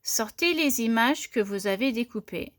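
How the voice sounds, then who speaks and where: A woman's voice: on the high side, expressive, normal speed, dry recording, studio quality, natural voice. A woman reading a firm schoolteacher.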